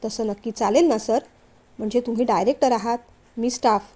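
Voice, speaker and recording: A woman's voice: a little high, fairly even intonation, brisk, warm tone, voice pushed down, close to an everyday voice. A woman voicing a frank, bold young female employee in a storybook reading. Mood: worried.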